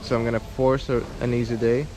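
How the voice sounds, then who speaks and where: A man's voice: mid-range voice, little pitch movement, a little fast, a crowd in the background. A man in his twenties talking casually to camera in a travel vlog, candid and rambling, with a blunt edge. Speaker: touring cyclist vlogger.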